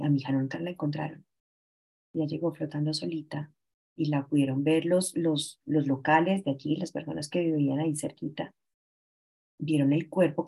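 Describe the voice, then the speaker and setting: A woman in her forties, a guest telling a painful personal story in an earnest, halting way, often restarting her sentences. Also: deep voice, warm tone, breathy edge. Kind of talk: emotional personal account.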